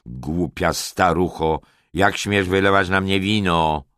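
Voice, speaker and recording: A man voicing an arrogant, bullying nobleman in an audiobook, loud, mocking and commanding. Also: low-pitched, measured pace, no echo, clean studio sound. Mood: scornful. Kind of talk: audiobook character voice.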